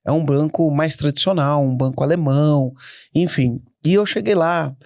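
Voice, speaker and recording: A middle-aged man, a guest entrepreneur telling stories in a casual interview, animated and quick to restart his sentences. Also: fairly high pitch, no echo, clean studio sound. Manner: animated, anecdotal, frequent restarts.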